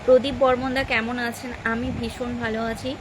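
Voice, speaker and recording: A woman with a somewhat high voice hosts a live stream in casual, chatty talk, greeting viewers one by one and reading out their comments. Her phone mic picks up a steady wash of background noise and air-conditioner hum in the room. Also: a little fast. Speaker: livestream host.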